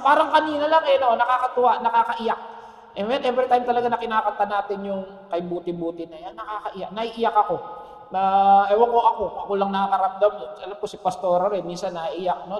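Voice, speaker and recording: Man, pastor, middle-aged, sermon, keeps asking the congregation for an amen, roomy church sound. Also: sits high. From Philippines. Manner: animated preaching, often asks the congregation "Amen?". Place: church worship hall. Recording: echoey church hall with long reverb.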